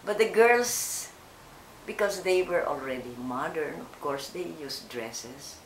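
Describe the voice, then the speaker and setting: Slow older woman. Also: sits low, expressive, roomy sound, slight background noise, low-quality recording. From Philippines. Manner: slow, hesitant, with many fillers and restarts. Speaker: interviewee. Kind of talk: oral history interview.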